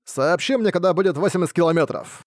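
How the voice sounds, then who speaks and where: A man voicing a calm, calculating sword hall master general who gives measured orders in an audiobook. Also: sits high, clean studio sound, voice pushed up, natural voice. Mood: commanding. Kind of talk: audiobook character voice.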